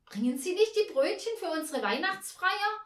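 A woman voicing a plump little red-faced hostess who talks in a shrill, nervous rush. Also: very animated, a bit bright, heavily acted. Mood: flustered. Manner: nervous, fast and exclaiming. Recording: roomy echo.

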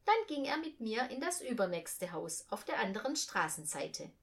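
A woman reads a children's story aloud with expressive storytelling flair. Her voice sits at medium pitch with some vocal fry, and she moves at a normal speed.

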